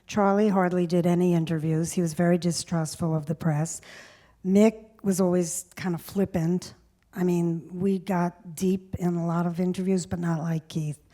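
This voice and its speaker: Mellow-voiced woman telling stories. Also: on the low side, fairly even intonation, moderate pace. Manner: chatty, reminiscing, laughs often. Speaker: music journalist, guest. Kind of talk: onstage conversation. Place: stage before a live audience.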